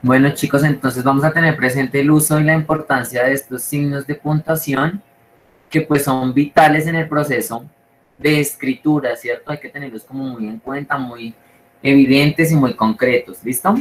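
A man's voice: medium pitch, normal speed, low-quality recording. A man teaching a class online, talking casually to his students with fillers and frequent check-in questions. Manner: relaxed, fillers like "pues" and "¿listo?".

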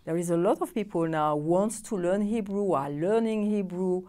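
A middle-aged woman, a native French speaker, hosts a TV studio interview in English, speaking on a lapel mic. Her voice is fairly low and dark at a normal pace, and her phrasing is eager and non-native.

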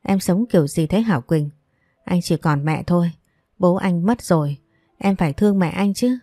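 A woman's voice: lowish voice, normal speed, warm tone, no echo. A woman voicing a stern husband who scolds curtly and reproachfully. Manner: curt, reproachful.

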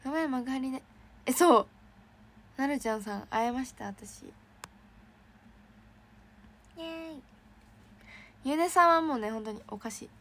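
Young idol girl on a fan stream, high chirpy voice, chatty and bubbly, squeals when excited. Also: measured pace, long pauses. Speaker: idol trainee streaming to fans. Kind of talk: casual livestream chat reading fan messages.

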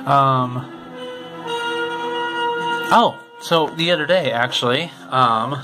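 Here a channel host, a young man, talks casually over vinyl playback in his home, the music blaring behind him. He speaks at a medium pitch in a halting, rambling way with frequent restarts, and the audio quality is poor.

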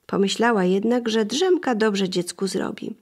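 Female audiobook narrator, even and measured, mid-range voice. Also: mid-range voice. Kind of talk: scripted narration.

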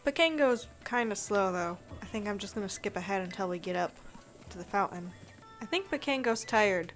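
A woman's voice: medium pitch, lively intonation, normal speed, faint music behind. A woman hosting a gameplay video, giving casual commentary in a chatty, playful way, thinking aloud as she plays.

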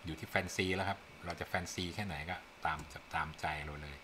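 A man's voice: low-pitched, fairly even intonation, fast talker, background noise. A man giving a casual programming tutorial, talking the viewer through his screen, thinking aloud and coaxing them along. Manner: chatty, coaxing, thinks aloud while typing. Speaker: programming instructor.

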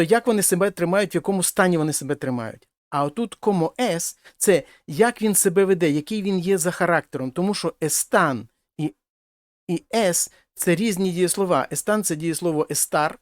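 A middle-aged male teacher explains a language lesson in a fairly high voice. He works through each point patiently and restates it in other words. The recording is close and dry. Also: fairly quick, dry recording. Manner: explanatory, repeats and rephrases points. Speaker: Spanish teacher.

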